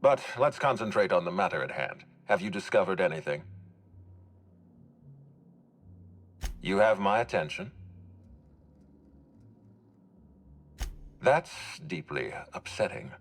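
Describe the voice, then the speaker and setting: A suspicious, controlling orchard boss for a video game. His voice is low and very expressive in pitch. He speaks formally and deliberately, with clear authority. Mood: grave, suspicious. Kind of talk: video game character acting.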